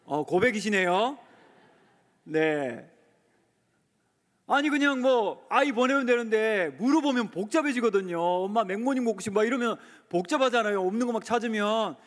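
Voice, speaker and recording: Korean preacher in a reverberant sanctuary. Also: male voice, high-pitched, normal speed. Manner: animated preacher, acts out short dialogues, leads the congregation. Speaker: pastor. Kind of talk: revival sermon. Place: church sanctuary. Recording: long church hall reverb.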